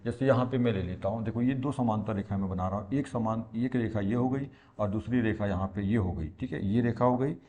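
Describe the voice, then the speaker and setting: A man's voice: lowish voice, fairly quick, hardly any pauses, dark tone, lo-fi sound. A man teaching a maths lesson in Hindi-accented speech, explaining patiently and repeating key points with questions to the class. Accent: Hindi-speaking India.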